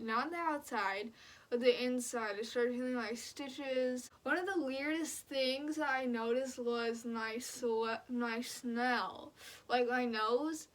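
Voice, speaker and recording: A young woman with a high voice and fairly even intonation speaks slowly as she vlogs casually about something she went through. Her manner is blunt and slangy, with "like" dropped in often.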